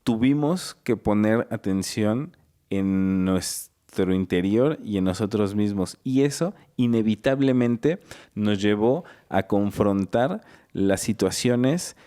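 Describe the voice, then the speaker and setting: A man's voice: fairly low pitch, lively intonation, slow, warm tone, smooth. A young man, co-hosting a podcast and talking through his ideas at length in a reflective, casual way. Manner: reflective, explains at length with many asides. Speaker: podcast co-host.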